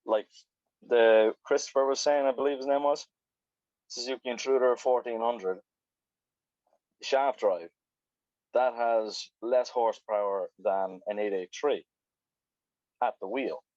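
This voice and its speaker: Over dull, lo-fi video call audio, an Irishman chats about motorbikes in an unhurried, rambling way, pausing often. He curses and then says sorry. His voice is medium-pitched and darkish, with a dry sound.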